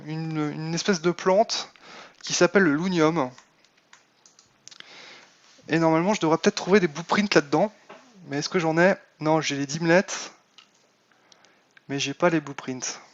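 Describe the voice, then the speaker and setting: A man's voice: fairly high pitch, highs cut off. A man casually commenting on his live game stream, thinking aloud with many fillers and answering chat. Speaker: Minecraft modpack streamer.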